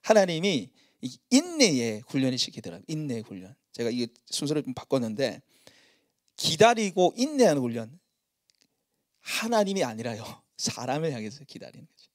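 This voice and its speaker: A middle-aged male pastor preaching in a church, telling stories about himself in a lively, self-mocking way. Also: mid-range voice, dry recording, studio quality. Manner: storytelling, animated and self-mocking. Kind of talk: sermon.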